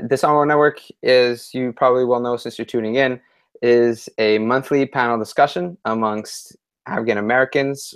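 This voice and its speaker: Young male panel host, halting delivery full of fillers. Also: medium pitch. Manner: hesitant, many fillers. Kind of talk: online panel discussion.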